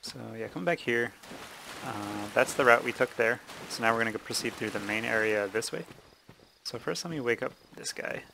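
Gravelly-voiced man commentating a game. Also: mid-range voice, normal speed, slight background noise, rough recording. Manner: relaxed, explaining with many ums and uhs. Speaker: gaming channel host. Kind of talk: casual let's play commentary.

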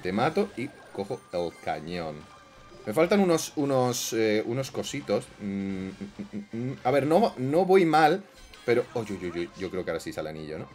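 A man talks over his gameplay with a lively voice that jumps sharply in pitch. He drifts between low, muttered asides and loud, excited yelling, with faint music playing behind him. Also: normal speed. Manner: swings from mumbling to loud outbursts. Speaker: gaming YouTuber.

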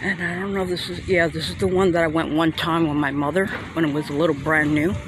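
A man's voice: on the high side, little pitch movement, fast. A man filming a casual walking tour of a shopping plaza on his phone, in a New York accent, thinking aloud as he goes. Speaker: vlogger. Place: outdoor shopping plaza sidewalk. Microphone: handheld phone camera. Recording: outdoor street noise on phone.

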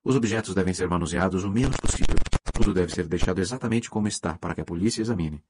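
A man reading the part of a fussy elderly male detective who speaks calmly and precisely in an audiobook. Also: deep voice, quick pace, background noise, lightly acted. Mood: firm. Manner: calm, precise, courteous.

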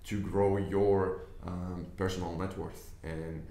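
At his office desk, a young Israeli business investor who natively speaks Hebrew talks casually to the camera. His low, dark voice barely shifts in pitch and moves at a slow pace as he earnestly explains, frequently restarting sentences. The room lends a clear echo.

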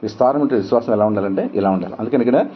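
A man's voice: lowish voice, very fast. A middle-aged male pastor preaching a sermon with emphatic rhetorical questions. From India. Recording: dull lo-fi sound with faint noise.

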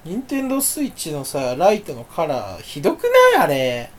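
A man talking to himself in a rambling solo monologue. He is self-mocking and erratic, swinging from loud outbursts to low mutters. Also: big pitch swings, a little fast, a little hiss or hum. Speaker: solo talk channel host.

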